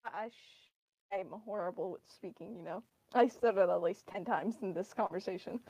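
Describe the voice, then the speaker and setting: A woman guest on a casual podcast chat, blunt and quick to laugh, swearing freely. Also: mid-range voice, mellow, breathy edge, no room sound, rough recording.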